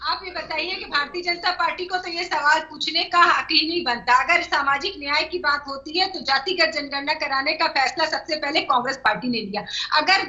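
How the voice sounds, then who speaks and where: A woman argues in a heated televised debate, stacking one accusation on the next. Her voice sits very high and rings bright and sharp. The remote audio feed sounds a little dull and muffled. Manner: combative, rapid-fire accusations. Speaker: political party spokesperson.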